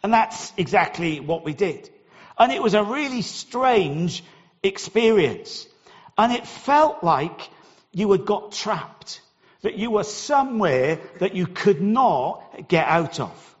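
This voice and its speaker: High-voiced Welsh preacher telling a story. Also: male voice, big pitch swings, slow, long reverb tail, highs cut off. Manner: conversational storytelling, repeats words when starting. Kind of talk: sermon with personal story.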